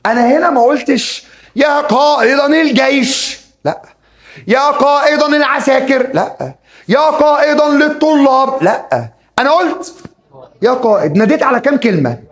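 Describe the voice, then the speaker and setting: A man with an Egyptian accent and a very high-pitched, sing-song voice teaches Arabic grammar at normal speed. In this classroom lesson he drills the rules over and over and acts out his students' questions.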